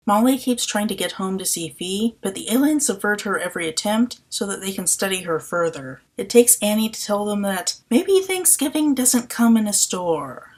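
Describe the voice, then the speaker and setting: Sarcastic woman reviewing a TV episode. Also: mid-range voice. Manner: sarcastic and exasperated. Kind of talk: scripted review narration.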